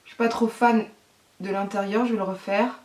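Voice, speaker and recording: A woman from France, a beauty vlogger at home, chatting casually to her viewers, flustered and excitable, swearing and talking through each step. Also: mid-range voice, moderate pace, far from the mic. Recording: echoey room, speaking away from the mic.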